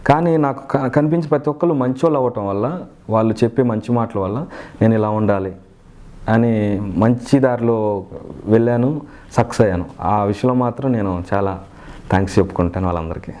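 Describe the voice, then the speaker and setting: A young man, a mimicry artist, talking in a casual interview, earnest and lively, now and then breaking into loud high impressions. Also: brisk.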